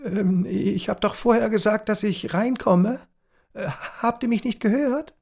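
A man voicing a cheeky young male thief with a high, strained voice that turns to panicked shouts. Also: a little slow, creaky, exaggerated voice. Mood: nervous.

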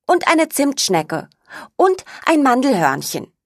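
A woman's voice: sits high, big pitch swings, slow pace, dry recording, studio quality, voice pushed up, heavily acted. A woman voicing a stubborn, sulky little girl pig who refuses everything, in a children's storybook. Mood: defiant sulky. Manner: grumpy, defiant refusals.

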